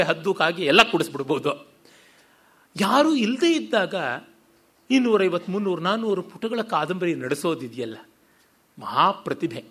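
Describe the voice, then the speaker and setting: A middle-aged man with a Kannada accent giving a scholarly literary lecture in a hall. He asks rhetorical questions and swings between loud peaks and quiet drops. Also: breathy edge. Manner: animated, rhetorical questions, sweeping pitch.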